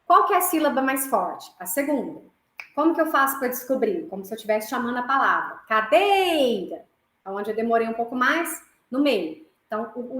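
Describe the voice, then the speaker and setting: Brazilian woman music teacher, higher voice, explanatory, in an echoey room. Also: fairly bright tone. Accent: Brazilian Portuguese. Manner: explanatory, frequent "né" and "tá" checks, counts beats aloud. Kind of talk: online class lecture.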